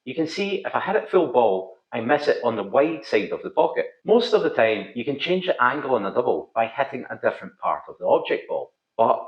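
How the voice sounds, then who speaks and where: Thick-accented Scottish man, lively and melodic. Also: medium pitch, brisk, few pauses. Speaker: pool instructor, video host. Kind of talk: scripted instructional narration. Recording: slightly dull, roomy echo.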